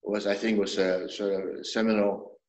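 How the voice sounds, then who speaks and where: A man in his seventies, a traditional medicine doctor, explaining things in a measured way as an interview guest, often restarting his sentences. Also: on the low side, little pitch movement, darkish tone. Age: 70s. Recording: roomy echo.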